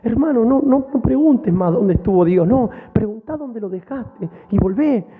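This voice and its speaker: A man with a very high voice preaches with fervor, hammering home each point through repetition. He keeps turning to speak directly to whoever is listening. The sound is thin and tinny, like a phone line. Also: lively intonation, moderate pace, slightly rough. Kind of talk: sermon.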